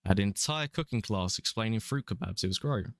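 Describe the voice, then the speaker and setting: Rambling young Londoner streaming a game. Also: male voice, on the low side, lively intonation, fast, vocal fry, a bit bright, no room sound, clean studio sound. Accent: London English. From England. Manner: rambling, chuckling, casual swearing. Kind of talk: casual live-stream commentary.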